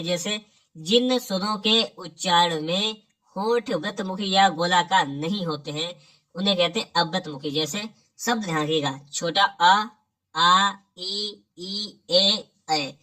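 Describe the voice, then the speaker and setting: A man's voice: high-pitched, normal speed, bright, forceful tone, far from the mic. A man teaching an exam-prep lesson who keeps quizzing his students and saying "theek hai" after each point. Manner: quizzes the listener, repeats "ठीक है".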